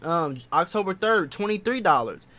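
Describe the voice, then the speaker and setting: A man's voice: sits high, lively intonation, moderate pace, bright, forceful tone. A man hosting a casual investing explainer, talking in an emphatic, repetitive and self-assured way. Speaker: finance video host.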